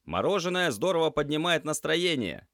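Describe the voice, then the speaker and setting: A brash, teasing young tomcat student, put on by a male narrator. The voice jumps high and swings widely, loud and playful. It sits dry and close to the mic. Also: big pitch swings, moderate pace, no echo. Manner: teasing, boisterous. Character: cheeky young male cat student, joker.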